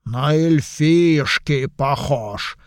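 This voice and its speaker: A slow-witted orc servant, as a narrator puts him on, blurting short, loud phrases. He drags out every word at a plodding pace. The voice is close and dry. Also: a little high, no room sound. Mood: gruff.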